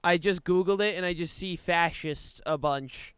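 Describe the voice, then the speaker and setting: A man's voice: high voice, normal speed, fairly bright tone, smooth, dry recording. A young man hosting a casual podcast chat, laughing often and tripping over his words as he repeats himself. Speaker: podcast host.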